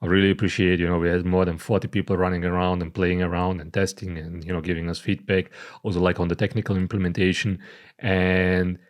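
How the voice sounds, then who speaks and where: A man's voice: low voice, flat delivery, brisk. A man from Croatia, speaking English, walks through a setup step by step and checks in with "okay?" and "you know". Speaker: product presenter. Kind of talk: casual screen-recorded tutorial.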